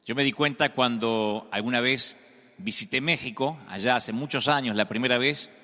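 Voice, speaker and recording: A man's voice: mid-range voice, normal speed, pushed and bright. A man from Argentina with an Argentine Spanish accent, preaching a sermon as pastor, telling stories with humor and emphasis. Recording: long hall reverb.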